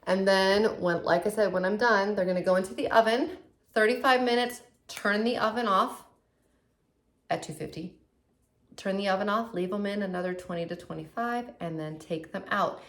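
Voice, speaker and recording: A woman's voice: mid-range voice, fairly quick. A woman hosting a casual cooking demonstration in a home kitchen, chatty and upbeat as she talks viewers through each step. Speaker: cooking show host.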